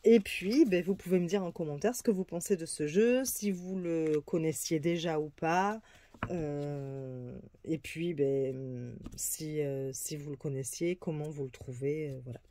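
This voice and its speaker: A woman's voice: low-pitched, measured pace, mellow, slight background noise. A woman casually presenting an oracle card reading, hesitant, with many fillers and restarts. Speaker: tarot and oracle card reader.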